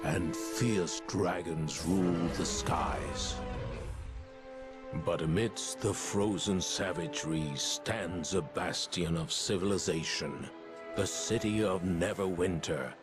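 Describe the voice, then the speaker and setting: An actor playing a grave, solemn storyteller, giving portentous scripted narration for a fantasy game intro. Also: male voice, low voice, slow pace. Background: music.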